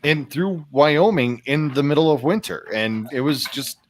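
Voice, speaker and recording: A man co-hosting a casual car podcast, telling stories with animated quoted voices. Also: fairly high pitch, moderate pace, slight background noise. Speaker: podcast co-host.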